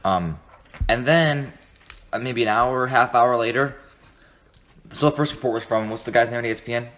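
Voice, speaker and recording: A man's voice: medium pitch, normal speed, a bit bright. A man co-hosting a podcast, chatting loosely about basketball with plenty of fillers. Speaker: podcast co-host. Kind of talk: casual sports chat.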